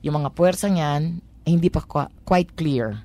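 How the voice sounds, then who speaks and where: Her voice is low and warm, paced moderately, as this woman from Manila, Philippines, explains a topic in a chatty talk-program style. She alternates between Tagalog and English, throws in rhetorical questions, and carries a Manila Tagalog accent.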